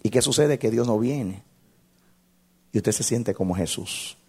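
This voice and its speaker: A male pastor telling a testimony in a sermon, dramatic, swinging from loud to hushed. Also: mid-range voice, measured pace, husky.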